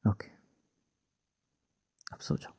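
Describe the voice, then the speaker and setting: A man voicing a young husband married to his ex, gruff but tender, in a hushed, soothing, teasing whispered role-play. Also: extremely slow, no echo, studio quality.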